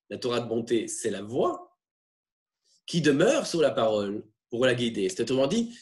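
A male lecturer works through a religious text for a class. He speaks in a middling voice, explains step by step, and pauses and restarts as he goes. He often adds small tag questions to check that his listeners follow. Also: medium pitch, a little mellow. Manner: explanatory, halting, frequent "hein" tags.

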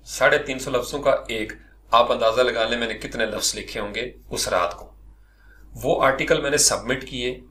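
A middle-aged Pakistani freelancer with a mid-range voice recounts his own career story. His monologue is lively and personal, and he often addresses his listeners politely.

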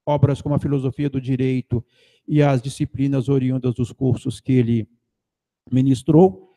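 A middle-aged man giving an academic lecture from a panel table into a table mic, measured and pausing to think. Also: medium pitch, fairly even intonation, dark tone. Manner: measured, thinking aloud with pauses and fillers. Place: conference hall, seated at a panel table. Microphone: table mic on a stand.

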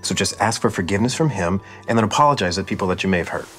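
A man in his thirties gives teacherly, reassuring advice on a kids' show set. He speaks fast in a slightly low voice, with faint music under him. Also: animated, a bit bright. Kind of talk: scripted kids' show dialogue. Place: studio set indoors.

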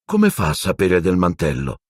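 A man voicing a suspicious, upset teenage boy wizard in an audiobook, speaking in sharp, accusing outbursts. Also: deep voice, huge pitch swings, moderate pace, no room sound, clean studio sound, heavily acted.

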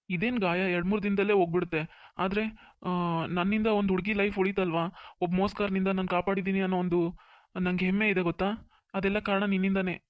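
A man's voice: sits high, dry recording, natural voice. A man voicing a scheming, vengeful young male student in a cartoon, sweet-talking and then gloating. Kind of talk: Kannada cartoon voice acting.

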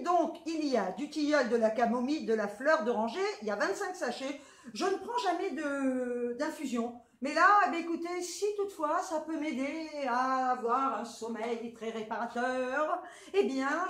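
Her voice is high and a touch bright, with a southern French lilt. In an echoey room, the woman talks casually and cheekily through a grocery haul for her vlog, cursing freely and speaking frankly.

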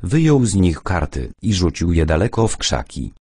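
Brief: male audiobook reader, very low and dark, husky, lively intonation, dry close sound. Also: normal speed, no room sound. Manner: steady storytelling. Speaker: audiobook narrator. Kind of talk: first-person audiobook narration.

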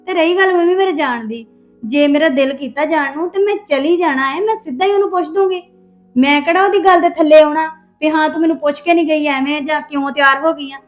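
A woman's voice: high-pitched, fast, soft background music, close to an everyday voice. A young woman playing a hurt, defensive wife who complains and pleads in a family drama. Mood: upset. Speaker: actor in a family web drama. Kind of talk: acted family drama dialogue.

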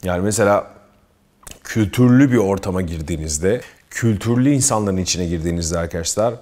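Deep and darkish, this man's voice moves fairly quickly as he gives earnest, emphatic self-improvement advice to camera. He often calls his viewers friends.

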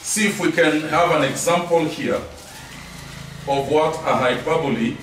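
Guy teaching bible class, kinda high voice, far from the mic, big echoey hall with faint hiss. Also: unhurried, a bit bright. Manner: emphatic, repeats key words, asks rhetorical questions.

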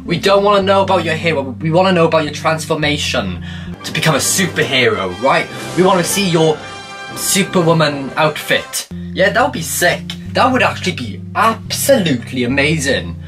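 A young man with a slightly high, sing-song voice delivers mocking, sarcastic reaction commentary at a moderate pace over music. He's a commentary YouTuber in a small room beside a blue wall, with the camera placed some distance away.

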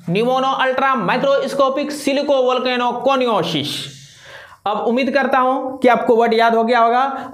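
A man teacher giving a blackboard lesson to students, speaking slowly, spelling out words and repeating them. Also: very high-pitched, a bit bright, echoey room. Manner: slow, spells and counts letters aloud, repeats words.

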